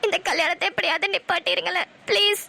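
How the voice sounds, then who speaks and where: A woman's voice: extremely high pitch, fairly even intonation, fast, gravelly, heavy background noise. A woman voicing a distressed young bride who pleads tearfully in a cartoon. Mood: pleading. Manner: pleading, upset speech. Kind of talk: cartoon voice acting.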